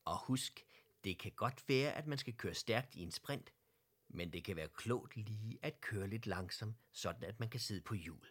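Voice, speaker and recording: Man voicing a calm teddy bear cycling coach. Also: on the low side, breathy edge. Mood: instructive.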